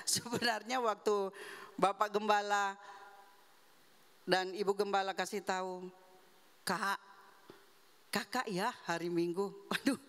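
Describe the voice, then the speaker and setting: A middle-aged woman from Manado giving a heartfelt sermon testimony, speaking earnestly and confessionally to the congregation. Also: fairly low pitch. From Manado, Indonesia. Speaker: guest preacher. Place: church sanctuary. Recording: reverberant church hall.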